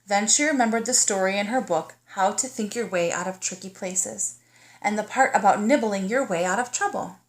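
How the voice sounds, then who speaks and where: A woman at medium pitch reads a storybook aloud to kindergartners as their teacher. Her child-directed narration welcomes the young listener in, with pauses to ask questions.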